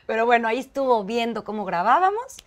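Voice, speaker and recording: A woman's voice: fairly high pitch, fast. A woman with a Mexican accent, a guest in an interview, telling a personal story and acting out the dialogue. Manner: animated, acts out quoted dialogue. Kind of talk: conversational storytelling.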